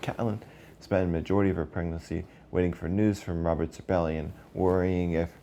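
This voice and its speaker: A man's voice: sits low, little pitch movement, brisk, dark tone, a little hiss or hum. A man narrating a video casually from a script, stumbling over words now and then, his speech slightly slurred by a retainer in his mouth.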